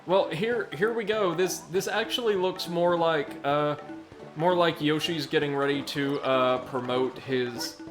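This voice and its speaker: With game music playing underneath, an American man streams a video game live, rambling through self-deprecating puns and reading chat messages aloud as he plays. His pitch sits fairly high, and he speaks at a measured pace.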